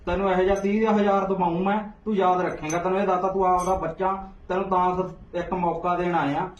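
A man's voice: sits high, level tone, a little fast, recorded from a distance. A man confronting and lecturing someone on the street, scolding and repeating his demands. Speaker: activist confronting a drug seller. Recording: echoey, dull, noisy phone video.

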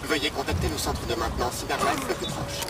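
A broken android reports its fault in a glitchy robotic voice with lively swings of pitch. It delivers a flat, announcement-like message. The game audio sounds distant, with a clear hum of machinery behind. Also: male voice, fast talker. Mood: mechanical. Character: malfunctioning male android reporting an error.

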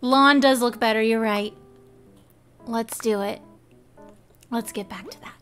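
A woman's voice: fairly high pitch, a little slow, a bit bright, soft background music. A young woman streaming a game, chatting casually with her viewers, giggling often. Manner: giggly, chatty, talks to chat. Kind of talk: casual live game commentary.

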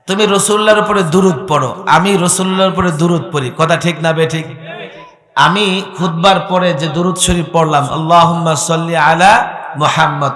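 A man's voice: a little high, echoey room, in a large hall. A male preacher, giving a sermon to a gathering and calling out questions for the crowd to answer. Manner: calls out questions to the crowd and urges loud replies. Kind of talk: sermon at an outdoor religious gathering. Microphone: public address microphone.

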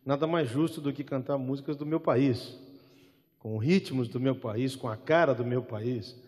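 A middle-aged Brazilian gospel singer and guitarist, with a Brazilian Portuguese accent, talks between songs at a church concert, speaking into a stand mic on a church hall stage. His medium-pitched, slightly mellow voice moves at a moderate pace, chatty and wry, often ending lines with a questioning "né?". The hall's long reverb rings out with music behind him.

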